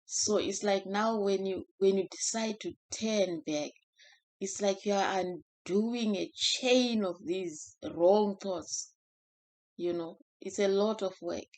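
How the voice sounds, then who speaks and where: A woman speaking in a gentle, unhurried way in a personal devotional talk, with many fillers and restarts. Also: mid-range voice.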